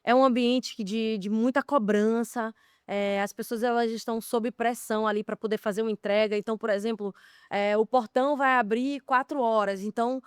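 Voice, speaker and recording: A young adult woman from Brazil hosting a podcast, telling work stories in a relaxed way and asking her guest questions. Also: on the high side, a little fast, clear, resonant tone, dry recording, clean studio sound. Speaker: podcast host. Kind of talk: casual conversational interview.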